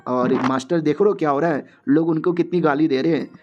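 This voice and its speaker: A man's voice: a little high, a little fast, a little mellow, highs cut off, a little hiss or hum, lightly acted. A man doing a scolding young female disciple.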